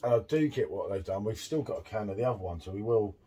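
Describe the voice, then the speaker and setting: A middle-aged man chatting excitedly while reviewing a beer at a home bar, full of tag questions. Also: lowish voice, fast, breathy edge. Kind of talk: casual beer tasting chat.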